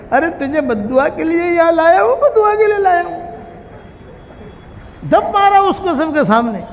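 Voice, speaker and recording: A male preacher tells a story from the pulpit, his voice pitched very high. He is animated and slips into the characters' dialogue. The recording is dull and carries the long reverb of a big hall. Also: a little hiss or hum. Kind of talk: storytelling sermon.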